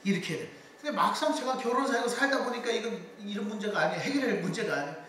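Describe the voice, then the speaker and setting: A middle-aged man with a high voice races through a lecture on public speaking, telling lively stories and quoting people's voices along the way. He's recorded in an echoey hall and sounds far off.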